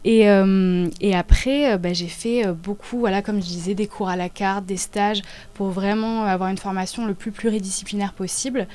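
A woman in her twenties, a dancer and choreographer, talks about her work in a casual interview, halting often as she searches for words. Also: mid-range voice, fairly even intonation, darkish tone. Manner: halting, with many hesitations.

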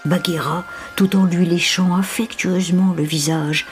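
A man narrating a children's story in an expressive, measured reading style. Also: high-pitched, faint music behind.

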